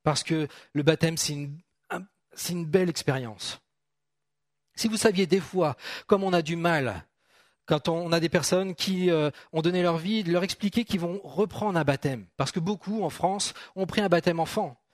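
A man's voice: on the high side, moderate pace, no room sound, studio quality. A man preaching an informal sermon, reading Bible verses and talking chattily with his congregation, often repeating phrases. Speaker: pastor.

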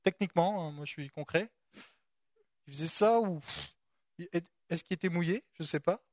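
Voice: mid-range voice, normal speed, no echo, studio quality. A preacher reading and explaining a Bible story, talking casually, with frequent asides, and asking listeners to picture the scene. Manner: lively, conversational, asks listeners to imagine, many asides.

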